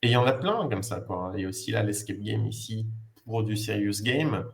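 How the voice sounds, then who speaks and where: A man's voice: on the low side, lively intonation, a little fast, creaky. A man, a language teacher, casually presenting learning games on a video call, explaining step by step with many fillers and hesitations.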